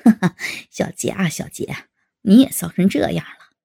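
A woman voicing a teasing middle-aged father, speaking in a low, gruff, put-on voice. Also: steady tone, moderate pace, heavily acted. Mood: mocking. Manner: chuckling, teasing.

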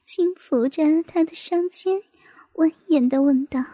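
A woman reading a martial arts novel aloud in a hushed, half-whispered narration. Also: high voice, measured pace, dry recording. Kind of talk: storybook narration.

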